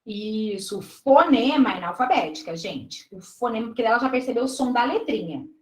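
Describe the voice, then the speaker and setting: A woman with a Brazilian Portuguese accent leads an exam review, working through answer choices step by step. Her voice sits a little high. The room around her rings with a noticeable echo. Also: expressive, moderate pace. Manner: explanatory, checks in with students often. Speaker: teacher reviewing exam questions. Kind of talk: live online exam-prep lesson.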